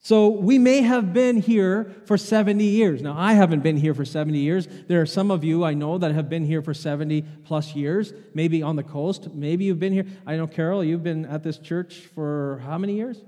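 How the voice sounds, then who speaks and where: Warm and fairly high-pitched, the man talks at a normal speed with hardly any pauses. He's a pastor preaching in a church sanctuary, conversing with his congregation and throwing out rhetorical questions, and the audio has long church hall reverb.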